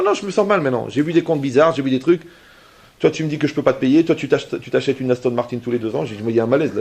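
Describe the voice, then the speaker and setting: A middle-aged rabbi delivers a sermon with a somewhat high, gravelly voice. He tells lively anecdotes, acting out both sides of conversations, and keeps checking whether his audience is following. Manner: lively storytelling with acted dialogue and jokes; often asks the audience if they follow.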